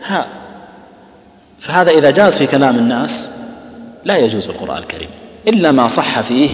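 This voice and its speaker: A man teaching Quran recitation, quizzing his listeners and sounding out letters as he goes. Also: medium pitch. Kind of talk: lecture on letter articulation. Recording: echoey hall, dull cassette tape.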